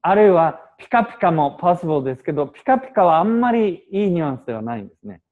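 A man teaching Japanese to a class, explaining with examples and short English glosses in a lively, animated way. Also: fairly high pitch, fast talker, phone-quality sound.

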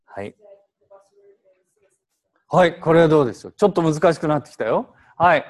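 A man's voice: on the high side, expressive, normal speed. A man teaching an English translation class in Japanese, prodding students with questions and switching into English.

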